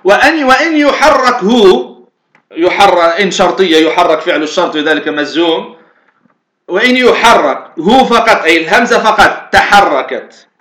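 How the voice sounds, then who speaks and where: A man's voice: high-pitched, pushed and bright. A man from Tunisia teaching a lesson, explaining step by step and putting questions to himself before he answers them. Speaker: teacher of Arabic morphology. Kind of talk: lecture explaining a grammar poem. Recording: echoey room.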